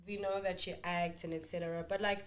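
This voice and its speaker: A woman's voice: fairly low pitch, flat delivery, a little fast. A woman co-hosting a casual podcast, playful and full of restarts. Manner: playful, hesitant, many restarts. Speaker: podcast co-host. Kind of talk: casual chat.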